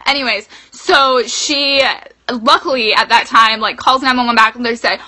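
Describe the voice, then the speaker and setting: A woman's voice: on the high side, normal speed, sharp tone. A young woman telling a story in a casual vlog, chatting along with a lot of "like". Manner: chatty, fills with "like". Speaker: vlogger.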